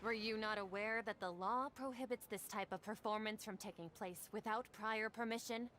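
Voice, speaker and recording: A stern official, played by a woman in a game, laying down the law in a cold, by-the-book tone. Her voice sits at a middling pitch over a faint noise bed. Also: fairly even intonation, normal speed, natural voice. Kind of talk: dubbed game voice acting.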